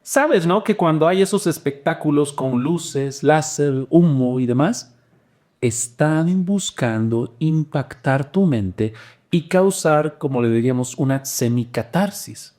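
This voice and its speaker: A man preaching a sermon as pastor, animated, with wide swings in pitch and loudness. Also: slow pace.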